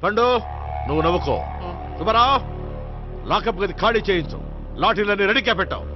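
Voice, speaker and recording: An actor playing a stern middle-aged police officer who lectures and gives orders in a film scene. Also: male voice, sits high, a little fast, over music, lightly acted. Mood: commanding. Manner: lecturing, moralizing. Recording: dull lo-fi film soundtrack.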